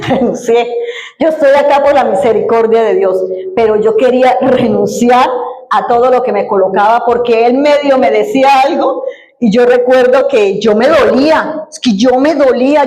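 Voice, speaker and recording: Higher-voiced woman pastor preaching in an echoey hall. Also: darkish tone. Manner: earnest storytelling, quoting others in dialogue. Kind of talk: sermon.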